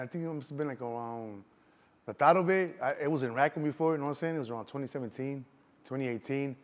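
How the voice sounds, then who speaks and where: A medium-pitched man in his thirties with a Chicago accent talks loosely as a guest in a casual street interview, constantly saying "you know what I'm saying."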